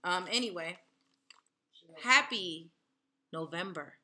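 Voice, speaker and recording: A woman's voice: lowish voice, lively intonation, slow pace, sharp tone. A woman hosting a casual podcast, chatty and giggly with lots of fillers. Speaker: podcast host. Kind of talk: casual chat.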